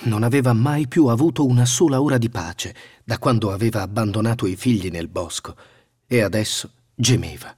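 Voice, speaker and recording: A man narrating a fairy tale in a scripted, expressive storytelling manner. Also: lowish voice, fairly quick, slightly rough.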